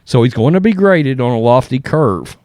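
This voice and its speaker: A man's voice: mid-range voice, animated, normal speed, dark tone, no echo, studio quality. A man hosting casual sports commentary, speaking bluntly and conversationally as he reads and reacts. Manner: blunt, conversational, often tags points with "okay?". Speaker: sports commentary video host. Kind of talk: casual opinion commentary, reading and reacting to articles.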